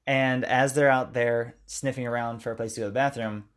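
A man's voice: mid-range voice, fairly even intonation. A man in casual chat, recapping a movie scene by scene and slipping into brief voices for the characters. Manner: retells scenes at length, acting out lines in quick character voices. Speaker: podcast co-host recapping a movie.

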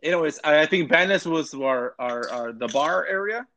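Casual chat guest: man, thirties, slightly high voice, stammers and cusses freely. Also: lively intonation, moderate pace, bright, forceful tone, a little hiss or hum. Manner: profane, stammering, repeats words. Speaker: podcast guest.

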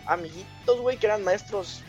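High-voiced Mexican man telling crude stories. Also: a little fast, highs cut off, music in the background. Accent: Mexican Spanish. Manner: crude slang-heavy storytelling, acts out quoted voices. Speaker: podcast co-host. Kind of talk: casual storytelling chat.

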